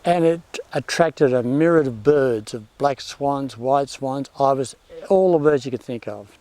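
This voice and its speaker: A man's voice: medium pitch, a little slow, warm tone. Older Australian man with a laconic outback drawl. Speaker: former outback station worker telling bush yarns. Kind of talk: unscripted reminiscence, storytelling.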